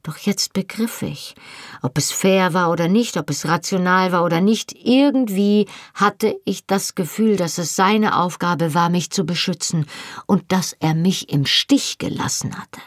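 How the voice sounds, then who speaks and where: A woman narrating a novel in the first person, with a measured, dramatic reading. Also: on the low side, no room sound, clean studio sound. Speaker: audiobook narrator.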